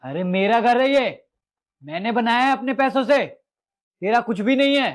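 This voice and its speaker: A man's voice: very high voice, animated, measured pace. An actor playing a domineering young husband who talks harshly and hurls insults at his wife and her father. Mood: angry.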